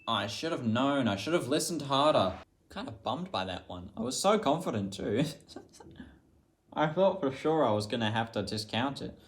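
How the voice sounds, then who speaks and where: A young man just out of high school, chatting casually to the camera as a vlogger. He mocks himself and swears offhandedly. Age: young adult, just out of high school.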